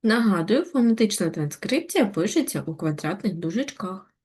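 A woman teacher giving a patient, step-by-step online lesson to young schoolchildren, with gentle reminders. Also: mid-range voice, lively intonation, normal speed, husky. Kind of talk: online Ukrainian lesson for children.

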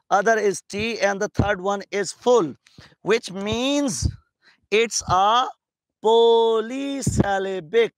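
Slow, high-voiced Pakistani teacher. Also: male voice, a bit bright, no room sound, low-quality recording. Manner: slow, drawn-out English phrases with frequent quiz questions to students. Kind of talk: classroom lecture.

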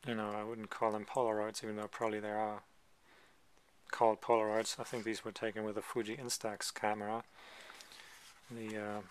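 A man casually presenting a photo book he is paging through at a table, talking in a relaxed, hesitant way with many ums and side remarks. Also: lowish voice, clear, resonant tone. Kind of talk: casual show-and-tell commentary. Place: indoors at a table, filming a book from above.

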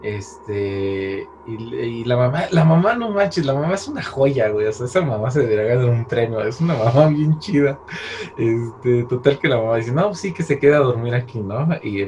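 A young man with a Mexican accent in casual chat, reviewing a series, slangy and quick to laugh. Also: medium pitch, expressive, dark tone, a little hiss or hum. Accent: Mexican Spanish. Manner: slangy, laughs often, restarts.

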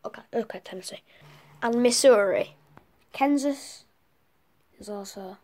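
Higher-pitched, unhurried woman doing a homework presentation, chatty, full of whispered self-corrections. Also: dark tone, slight background noise. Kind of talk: homemade geography presentation.

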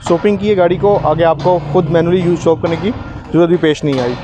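A fast-talking man with a fairly high voice and a Pakistani accent gives a live, instructional product demonstration outdoors on a street and a rooftop, explaining each step as he goes. The background is noisy.

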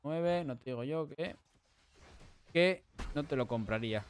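A man with an accent from Spain giving live gameplay commentary, excitable and repeating himself, breaking into shouts. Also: a little high, measured pace, slight background noise. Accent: Spain Spanish. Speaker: gaming streamer.

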